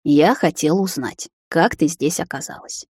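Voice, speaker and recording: A woman's voice: low voice, a little mellow, slightly rough, no room sound, clean studio sound. A woman doing a cold vampire lord. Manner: cold, slow and stern. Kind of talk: audiobook character voice.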